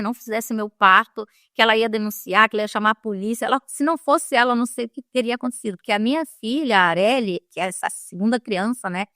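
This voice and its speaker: Middle-aged woman, Manaus accent, interview testimony; higher-pitched, dry sound, emotional and halting delivery. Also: fairly bright tone, no room sound. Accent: Northern Brazilian (Manaus). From Manaus, Brazil. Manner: emotional, halting storytelling with many restarts. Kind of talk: personal testimony.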